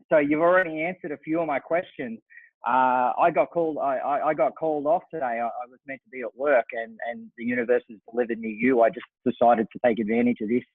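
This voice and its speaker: A gently, softly spoken man with an Australian accent, calling in with a question. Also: medium pitch, no room sound. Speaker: caller. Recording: tinny phone line.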